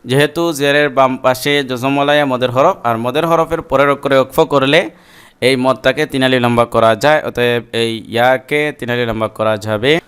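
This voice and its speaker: A man teaching Quran reading with a Bangladeshi Bengali accent, spelling words out syllable by syllable and chanting verses in long drawn-out phrases. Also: medium pitch, fairly even intonation, a bit bright, clear, resonant tone. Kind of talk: slow spelling-out lesson with chanted recitation.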